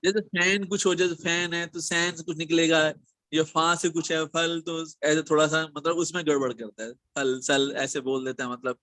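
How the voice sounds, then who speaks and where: A middle-aged man in a casual group discussion, talking thoughtfully and pausing to search for words. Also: fairly high pitch, flat delivery, fairly bright tone, dry recording. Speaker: discussion participant.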